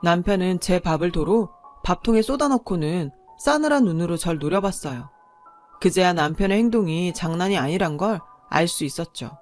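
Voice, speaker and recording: A woman in her thirties narrating a scripted first-person story in an even, confiding way. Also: fairly low pitch, moderate pace. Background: faint background music.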